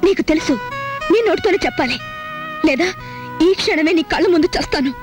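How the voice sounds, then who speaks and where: A woman's voice: extremely high pitch, brisk. A fiery young woman. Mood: defiant. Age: young adult. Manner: blunt, scolding. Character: sharp-tongued unmarried young woman, fiery. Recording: film soundtrack with music behind.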